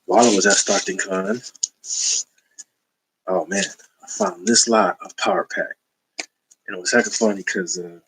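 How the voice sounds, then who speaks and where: A laid-back comic collector rambles through a haul video, full of slang and fillers as he shows what he found. His low voice is a bit bright and slightly rough, and the audio quality is poor.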